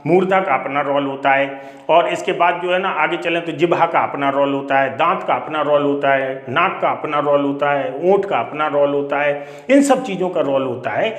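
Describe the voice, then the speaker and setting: A man's voice: a little high, normal speed, reverberant. A male Hindi teacher giving a classroom grammar lecture, explaining step by step and asking and answering his own questions. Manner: explanatory, repeats key points, asks and answers own questions.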